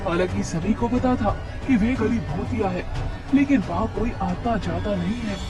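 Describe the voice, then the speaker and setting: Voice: mid-range voice, moderate pace. A narrator reading a scripted horror story for a cartoon. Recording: distant voice under loud music.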